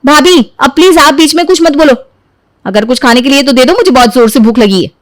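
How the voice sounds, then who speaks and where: A woman's voice: high voice, lively intonation, a little fast, dry recording, clean studio sound. A woman voicing a touchy, defiant young woman who snaps and whines when she talks back. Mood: snappish. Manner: snappish, whiny, talks back.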